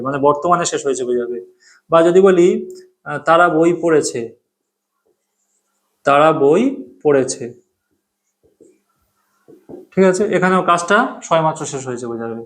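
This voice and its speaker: A man explains English grammar in a patient teaching voice that sits a little high. He repeats his examples and drops to a slow, word-by-word pace when dictating sentences for students to copy. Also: a bit bright.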